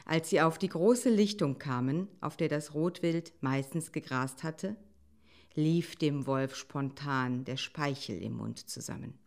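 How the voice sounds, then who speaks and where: A woman calmly reading a children's animal story aloud as narrator. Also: sits low, a little slow.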